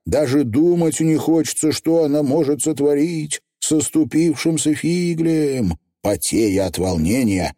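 A man narrating an audiobook, his storytelling rising and falling a great deal. His voice is dark and mellow. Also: a little high, no room sound, studio quality. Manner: expressive storytelling. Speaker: audiobook reader.

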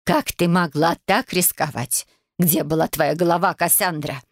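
A woman voicing a stern, scolding grandmother witch over eighty, speaking slowly and gruffly. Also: lowish voice, dry recording, studio quality. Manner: slow, gruff and reproachful.

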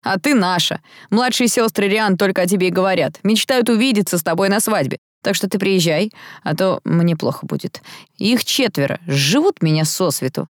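A woman's voice: medium pitch, lively intonation, normal speed, dry recording, studio quality, natural voice. Shy good-natured young brother, read by a woman. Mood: easygoing. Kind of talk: audiobook character voice.

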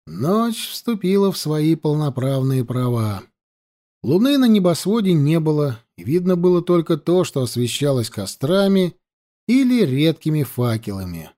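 Man narrating in a slightly high voice. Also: dark tone. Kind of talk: audiobook narration.

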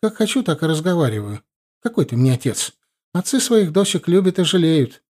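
A man's voice: fairly high pitch, very animated, fairly quick, a little mellow, pitched above the performer's own voice. Defiant moody daughter snapping back, man reading it. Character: sullen rebellious young woman, a student daughter.

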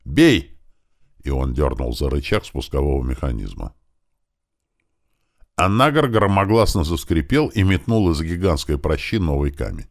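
Very deep-voiced man narrating an audiobook. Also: moderate pace. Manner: lively, shouting out the characters' battle commands.

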